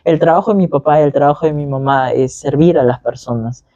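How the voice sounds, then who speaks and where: A man's voice: on the high side, brisk, dark tone, no echo, dull audio. A young man, a pastor, telling his story in an interview in an earnest, reflective way with many fillers and tag questions. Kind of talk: conversational testimony.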